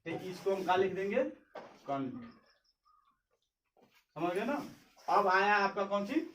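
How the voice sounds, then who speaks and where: A man's voice: high voice, expressive, a bit bright. A male teacher giving a classroom lesson, asking questions and answering them himself, saying sounds one at a time. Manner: drills by asking and answering his own questions; says sounds slowly one by one. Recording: echoey room, far from mic.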